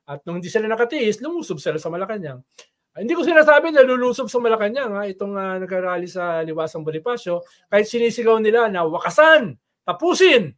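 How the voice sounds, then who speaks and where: A man with a notably high voice talks casually about politics, spinning long stories. He keeps dropping tag questions to check the listener is following. He gets animated as he speaks. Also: quick pace. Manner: storytelling with frequent "no?" tag questions; animated, voice rises when quoting chants. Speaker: political commentator guest.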